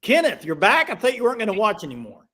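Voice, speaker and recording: A man's voice: high-pitched, wildly swooping pitch, fast talker, sharp tone. A man hosting a casual live sports call-in show, talking conversationally to callers and viewers.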